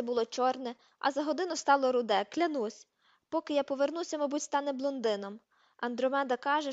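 A woman reading the part of an excited male wizard who has just become a father, loud and overjoyed. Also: sits high, dry recording, lo-fi sound, lightly acted.

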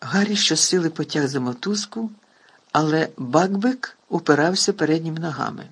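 A man narrating an audiobook in a lively, expressive reading. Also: a little high, moderate pace, slightly rough. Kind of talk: storybook reading.

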